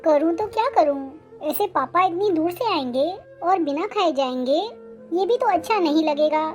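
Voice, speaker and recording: Cartoon young wife, sick and dutiful, soft polite tone, very high voice, from a woman. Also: expressive, normal speed, faint music behind. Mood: weary. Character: sick young daughter-in-law, gentle and dutiful.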